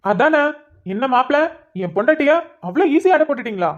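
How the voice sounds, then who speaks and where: Woman doing a proud doting husband, lower voice, dull sound, cartoon. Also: animated, brisk.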